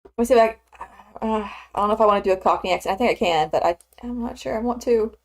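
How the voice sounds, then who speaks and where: A woman's voice: a little high, racing. A woman in her twenties from the American South, chatting casually as a streamer while she works, rambling with lots of filler words. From Southern United States. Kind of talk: casual chat while 3D modeling.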